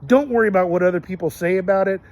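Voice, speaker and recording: A man's voice: sits high, racing, a little mellow. A middle-aged man hosting a podcast, telling personal stories in an earnest, rambling way with many fillers and restarts. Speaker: podcast host. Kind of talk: casual storytelling monologue.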